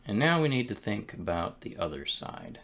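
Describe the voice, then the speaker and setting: A man streaming game development, thinking aloud in a relaxed, musing way as he works at his computer. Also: lowish voice, vocal fry. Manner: relaxed, musing, talks to himself between pauses. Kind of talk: casual thinking-aloud commentary while working.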